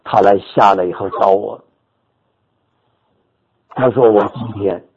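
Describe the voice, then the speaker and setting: An older man preacher telling a story in his sermon, animated and repetitive, rising to sudden high exclamations. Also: slow. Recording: dull lo-fi recording with audience noise.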